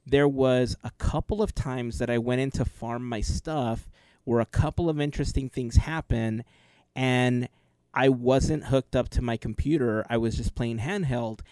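Speaking at a measured pace, a man co-hosting a casual podcast goes on at length and with sincerity about his gaming experience; he also creates gameplay videos. His mid-range voice is smooth and darkish, with no room sound.

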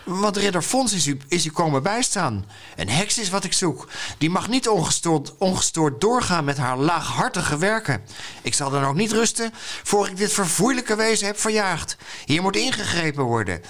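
A man's voice: sing-song, normal speed, fairly bright tone. A boastful young knight from a storybook, full of himself, played by a man reading aloud, proclaiming his noble duties in a raised, lofty voice. Grandiose and overblown, he talks as if declaiming to a crowd. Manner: grandiose, high-flown speech. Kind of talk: read-aloud children's book.

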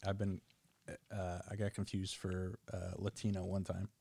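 Lower-pitched joking male podcast co-host. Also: monotone, moderate pace, vocal fry, warm tone, husky, no room sound. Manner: joking, storytelling. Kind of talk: casual chat.

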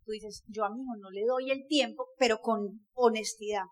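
A woman in her forties with a high voice speaks to a live audience. Her delivery is forceful and emphatic. She laughs often and works the crowd as a motivational speaker. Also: fairly even intonation, moderate pace.

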